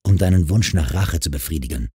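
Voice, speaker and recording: A man voicing a calm, caring grown man in an audiobook who patiently talks a troubled girl round. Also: low voice, brisk, slightly rough, dry recording, studio quality. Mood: earnest.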